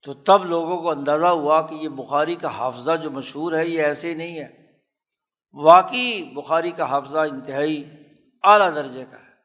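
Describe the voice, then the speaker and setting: A man's voice: on the high side, fairly bright tone. Man teaching in a reverberant hall. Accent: Pakistani Urdu. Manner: slow, measured storytelling with emphatic repetition. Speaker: religious scholar teaching hadith. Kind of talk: formal religious lecture. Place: lecture hall at a religious institute.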